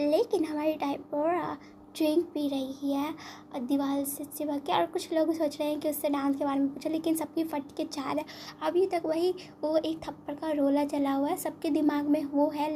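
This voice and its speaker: A young woman retells a comic story casually and quietly from a room at home. Her voice is high, with little rise and fall, and a fan hums faintly behind her. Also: a little hiss or hum. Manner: quiet, casual narration mixing in English words. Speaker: manga explainer. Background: ceiling fan running.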